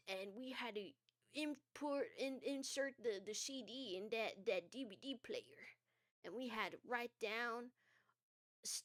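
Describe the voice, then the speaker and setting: A woman's voice: on the high side, dry recording, clean studio sound. A young adult woman streaming from her bedroom, chatting casually and scattered, laughing often. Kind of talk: casual live-stream chat. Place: home bedroom.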